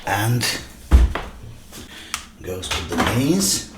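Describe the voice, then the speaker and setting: A man with a lowish voice and big pitch swings speaks extremely slowly as he hosts a repair video. Working at an indoor bench, he mutters short phrases to himself and answers his own questions, with clear workbench clatter behind him.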